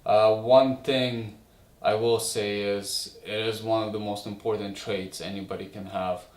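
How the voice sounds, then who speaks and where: A man's voice: on the low side, steady tone, a little slow, darkish tone, far from the mic. A man chatting on his wife's vlog, giving an earnest, slightly rambling pep talk. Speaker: vlogger's husband. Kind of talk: casual couple chat. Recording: roomy sound from off-mic.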